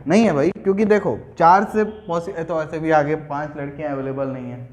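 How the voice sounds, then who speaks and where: A man's voice: fairly high pitch, fairly quick, a little mellow, roomy sound. A young man teaching a math lesson at a board in a conversational way, often checking that students follow and mixing English terms into his talk.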